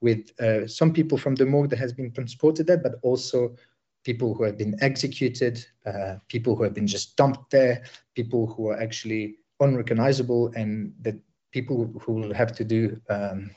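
Bosnian-born male war correspondent, halting field report, dark voice over a dull line. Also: medium pitch, steady tone. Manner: halting, many fillers and restarts.

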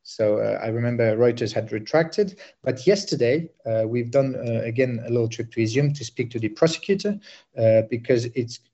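Bosnian-born male war correspondent, halting field report, dark voice over a dull line. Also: mid-range voice. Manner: halting, many fillers and restarts.

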